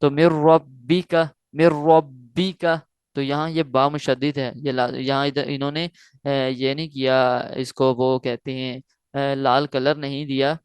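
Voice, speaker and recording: A man teaching Quran recitation online, explaining each rule and then slowly reciting each phrase several times. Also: medium pitch, flat delivery, clear, resonant tone, no echo.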